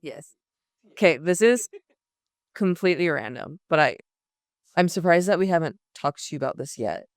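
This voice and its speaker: A woman's voice: low-pitched, animated, normal speed, long pauses, no echo, studio quality. A young woman from Utah chatting on a podcast, blunt and joking, swearing casually. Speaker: podcast co-host. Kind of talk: casual chat.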